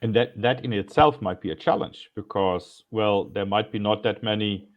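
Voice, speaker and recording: German-accented man, lower voice. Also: moderate pace, dull audio. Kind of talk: panel discussion.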